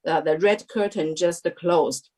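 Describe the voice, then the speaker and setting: Young woman, slow and hesitant testimony, lots of ums. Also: fairly low pitch, dark tone, rough recording. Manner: hesitant, many fillers and restarts. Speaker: devotee sharing a testimony. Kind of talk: casual spoken testimony.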